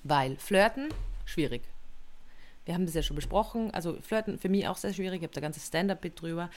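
A woman co-hosts a relaxed chat show, spinning anecdotes with lots of swing in her voice. She acts out the other people's lines as she goes. Her voice sits a little low for a woman. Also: a little fast. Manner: animated storyteller, acts out quotes. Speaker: podcast co-host. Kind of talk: casual chat.

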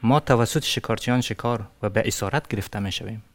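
A man from Afghanistan narrating a fairy tale as a storyteller, measured with occasional restarts. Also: on the low side. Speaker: storyteller and actor.

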